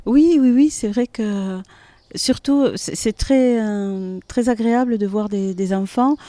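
Female interview guest, Toulouse accent, mellow and dry-sounding, hesitant conversational delivery. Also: fairly high pitch, unhurried, dry recording. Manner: hesitant, searching for words, often chuckling. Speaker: guest, metro announcer and singer. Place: hotel courtyard in city centre.

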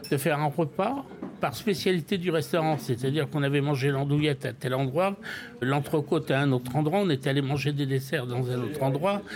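Older French man, halting storyteller. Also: mid-range voice, a little mellow. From France. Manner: hesitant, frequent repeated words and restarts. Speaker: restaurant owner. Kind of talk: interview, casual storytelling.

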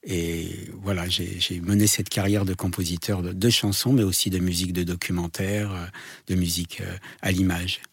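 A middle-aged man with a French accent answering in a conversational radio interview, halting and repeating words as he explains. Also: sits low, little pitch movement, slightly rough, no room sound, studio quality. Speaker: interview guest, composer.

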